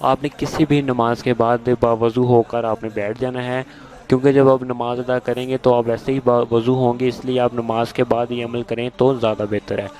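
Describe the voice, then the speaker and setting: Man, religious instruction, steady monotone, patient and repetitive, slow deliberate recitation. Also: medium pitch. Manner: recites prayers slowly and deliberately. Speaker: religious video host.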